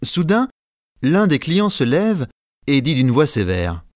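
Man reading an audiobook, calm and measured, dry studio sound. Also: a little high, no echo. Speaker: narrator. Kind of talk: scripted audiobook narration.

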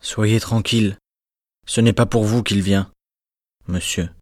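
A man voicing a grave, resolute former convict turned mayor, speaking sternly and calmly in a dramatized audiobook. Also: mid-range voice, moderate pace, dry recording, close to an everyday voice. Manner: stern, then grave and calm.

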